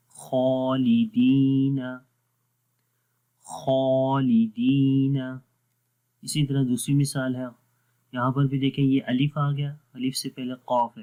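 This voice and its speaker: A man's voice: medium pitch, a little mellow. A man teaching a Quran recitation lesson online, explaining step by step, asking the class questions and answering them himself. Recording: tinny phone-like audio.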